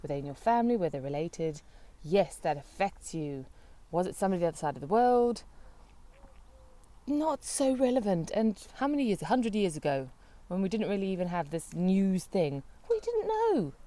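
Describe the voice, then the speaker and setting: Woman from Britain, co-host, casual chat, lively swooping pitch, incredulous rhetorical questions. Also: moderate pace.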